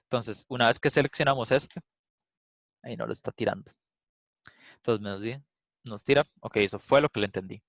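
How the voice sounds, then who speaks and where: A man's voice: mid-range voice, a little fast, pauses often, a bit bright. A man lectures in a loose, conversational way, walking students through a demo and stopping often with an "eh" to gather his thoughts. His voice sits in an ordinary middle register. The recording is dry, with no room echo. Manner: casual, explanatory, thinks aloud with filler "eh". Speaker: instructor.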